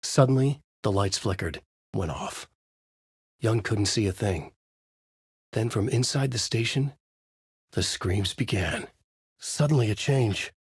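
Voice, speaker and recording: A male writer with a husky, low voice narrates his own dark thriller in the style of a video game noir, using a full character voice. His delivery is grave, moody, deliberate and expressive, with a tense, ominous mood, and the recording is close and dry.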